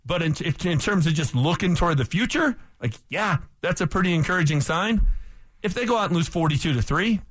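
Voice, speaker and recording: A man's voice: high voice, animated, fairly quick, a bit bright, no room sound. A male sports radio co-host in casual talk, making skeptical points one after another with emphasis. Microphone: studio microphone. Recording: dry close studio sound.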